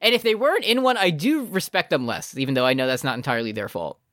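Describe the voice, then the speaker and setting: Animated man recapping anime. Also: a little high, fast talker, no room sound, clean studio sound. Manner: lively, joking, exclaims loudly when excited. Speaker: podcast co-host. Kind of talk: casual anime recap chat.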